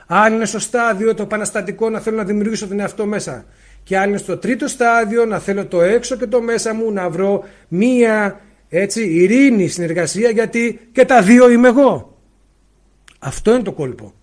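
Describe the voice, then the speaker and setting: A man giving a spiritual talk on a livestream, speaking loudly and emphatically into a faulty mic and asking rhetorical questions. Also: high-pitched. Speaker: spiritual teacher. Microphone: faulty mic, spoken loudly into it.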